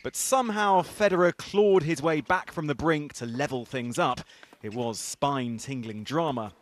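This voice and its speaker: A man's voice: fairly high pitch, moderate pace, slight background noise. A British man narrating a scripted sports news report with a dramatic storytelling delivery.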